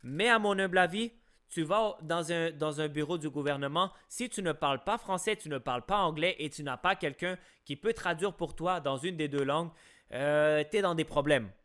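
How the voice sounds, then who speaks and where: A man with a Québécois French accent and a voice pitched a little high delivers a heated opinion monologue on a live stream. He presses his points with repeated rhetorical questions and often stops to restart his sentences. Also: normal speed, fairly bright tone. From Quebec, Canada.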